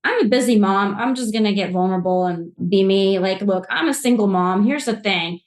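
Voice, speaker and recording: Her voice is mid-range and a little fast, bouncing around an echoey room. She's in her forties, from Poland, and appears as an agency guest on a podcast, eagerly talking social media marketing while often starting her sentences over.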